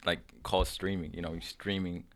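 A young man from Sudan, raised in Seattle, talking as a podcast guest in a relaxed, rambling way, full of restarts and "you know what I mean". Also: sits low, a little fast. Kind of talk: casual chat.

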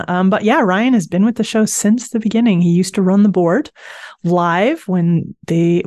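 A woman's voice: lowish voice, dark tone. Woman hosting a casual podcast. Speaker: podcast host. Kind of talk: casual reminiscing podcast chat.

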